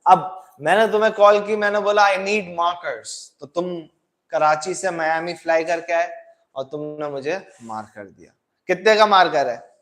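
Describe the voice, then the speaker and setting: A man's voice: fairly high pitch, moderate pace, fairly bright tone. A man teaching economics to a class, asking repeated questions and mixing in English. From Pakistan. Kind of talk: classroom lecture.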